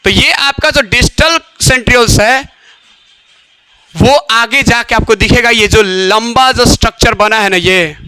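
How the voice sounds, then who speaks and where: A man's voice: very high-pitched, a little slow, pushed and bright, clear, resonant tone, dry recording. A man teaching biology in a classroom lecture, who keeps asking questions and answering them himself.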